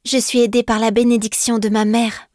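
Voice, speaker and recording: A woman's voice: a little high, flat delivery, a little fast, a little mellow, dry recording, studio quality, voice pushed up, close to an everyday voice. A woman voicing a frightened, polite young girl in a fairy tale, pleading timidly.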